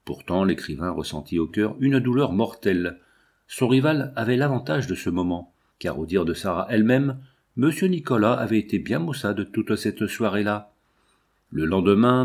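A man narrating a classic novel as an audiobook in a measured, expressive way. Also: fairly low pitch.

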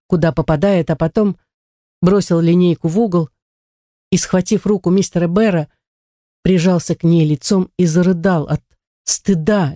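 A narrator reading a classic novel aloud in a steady, expressive storytelling manner. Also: medium pitch, dry recording, studio quality. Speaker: audiobook narrator. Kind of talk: scripted audiobook narration.

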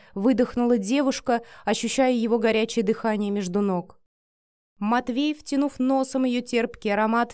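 A woman narrating an erotic audiobook in a soft, sensual, measured voice. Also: mid-range voice, no echo, clean studio sound. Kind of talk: reading an erotic story aloud.

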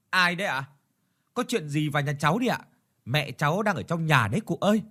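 A man reading a first-person ghost story aloud, in a slow, suspenseful way. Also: medium pitch. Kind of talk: scripted ghost story narration.

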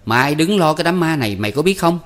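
A man voicing a gruff young village man who grumbles bluntly, with a Southern Vietnamese accent. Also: fairly high pitch, animated, fast, fairly bright tone, voice pushed up. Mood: grumbling.

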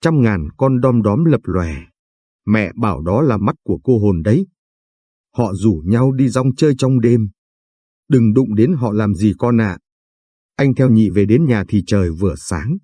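A man reading a late-night radio story calmly and with measured pacing. His voice is low, dark and husky. The sound is dry and close. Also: no room sound. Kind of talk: scripted storytelling narration.

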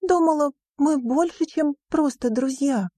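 A frightened teenage girl pleads in a thin, raised voice, as a woman narrator puts her on. The tone is mellow, the recording dry and close. It sounds like a storybook read aloud. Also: unhurried, dry recording. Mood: hurt. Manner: high, pleading.

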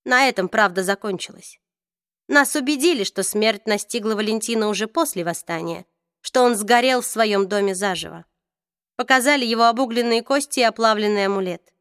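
A woman's voice: fairly high pitch, fairly quick, fairly bright tone, clean tone, no room sound, clean studio sound. A woman reading an audiobook, voicing a bitter, proud middle-aged woman who accuses and argues intensely. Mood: weary, bitter.

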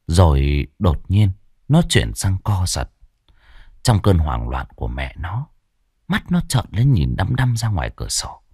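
Man, audiobook horror narration, highly expressive pitch, husky, suspenseful pauses. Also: no room sound, studio quality. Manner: dramatic, slowing for suspense.

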